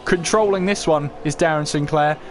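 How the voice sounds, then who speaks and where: High-voiced male motorsport commentator over noise. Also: normal speed. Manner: running play-by-play with rhetorical questions. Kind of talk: live motorsport race commentary.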